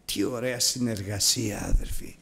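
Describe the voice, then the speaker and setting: A man preaching a sermon, swinging from loud high exclamations to hushed prayerful murmurs. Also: fairly even intonation.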